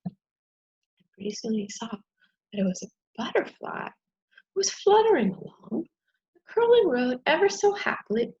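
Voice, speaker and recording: A woman reading a children's picture book aloud, gently and expressively, as a storyteller. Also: fairly high pitch, slightly rough, lo-fi sound.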